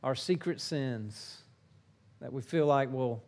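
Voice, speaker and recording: A middle-aged man preaching a sermon in an earnest way, swinging between forceful emphasis and hushed, low phrases. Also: takes it slowly.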